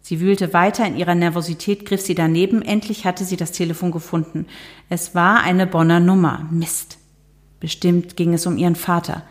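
Middle-aged woman author, a bit low-pitched, calm and wry, reading aloud and being interviewed. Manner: measured, lightly humorous, some hesitations. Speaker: author and TV journalist. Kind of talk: reading her novel, then casual interview talk.

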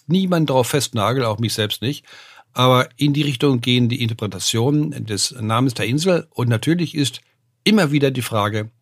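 A man's voice: medium pitch, no echo, studio quality. An older man, a name researcher and professor, explaining word origins in a podcast, with many "ne?" tags and filler sounds. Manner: lecturing, often adds "ne?" and "äh", lively rises.

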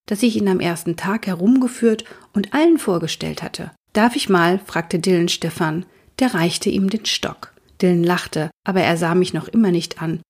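A woman reading a children's book aloud, then speaking gently and directly to her young listeners as host of a reading series. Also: medium pitch, breathy edge.

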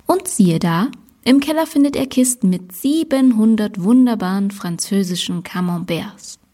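A woman presenter retells a children's book plot. Her voice has a husky edge. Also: mid-range voice, expressive, normal speed, mellow. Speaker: library presenter. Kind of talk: retelling a story.

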